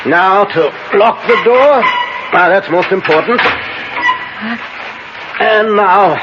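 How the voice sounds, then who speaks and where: Grave Professor Van Helsing, muffled radio. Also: male voice, high-pitched. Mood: solemn, intent. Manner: deliberate, halting, solemn. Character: grave, commanding male vampire-hunting professor. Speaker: actor playing a professor. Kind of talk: old-time radio drama acting. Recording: muffled, noisy vintage radio recording.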